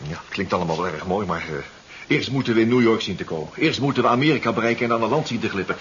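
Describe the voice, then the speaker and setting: In a 1970s radio drama, a man plays an anxious, hesitant seafaring comrade who often repeats himself, sounding wondering and doubtful. His voice is fairly low, a bit bright and expressive, and he talks at a racing pace. The muffled recording carries background noise.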